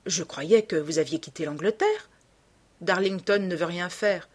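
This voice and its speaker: A woman's voice: on the low side, measured pace. A woman voicing a listless, ruined young man who speaks in sighs and murmurs. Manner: sighing and murmured.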